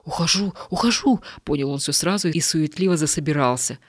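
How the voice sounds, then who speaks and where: A woman reads a short story aloud in a measured, even way. Her voice sits fairly low. The recording is dry and close. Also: no room sound. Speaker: narrator. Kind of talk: audiobook reading of a short story.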